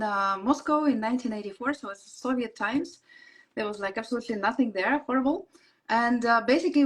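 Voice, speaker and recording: A woman in her forties with a Russian accent, a guest chatting on a video call, full of fillers and quick laughs. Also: a little high. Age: 40s. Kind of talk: casual interview chat.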